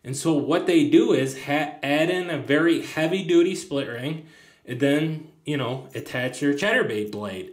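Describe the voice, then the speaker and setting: A man casually showing fishing lures at a table, rambling with lots of ums and restarts. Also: mid-range voice. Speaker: fishing channel host. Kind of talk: casual tabletop lure demo. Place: indoors at a tabletop, hands on camera. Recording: echoey room.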